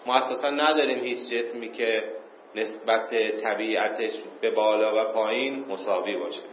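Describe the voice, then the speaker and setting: A man teaching an informal class. He reads passages aloud in Arabic, then explains them plainly and chuckles now and then. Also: fairly low pitch. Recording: roomy, dull lo-fi recording with faint noise.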